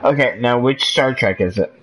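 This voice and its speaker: A man's voice: mid-range voice, normal speed, fairly bright tone, a little hiss or hum, rough recording. A drunk man chatting casually over a game, rambling and swearing. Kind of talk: casual chat while gaming.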